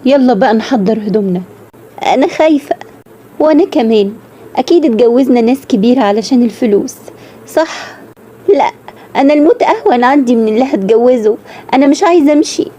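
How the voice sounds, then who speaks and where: A woman's voice: a little high, animated, fast, dark tone, breathy edge. A young woman voicing frightened teenage sisters forced into marriage, speaking anxiously with an Egyptian accent. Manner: pleading, anxious. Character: frightened young sisters, nineteen-year-old girls.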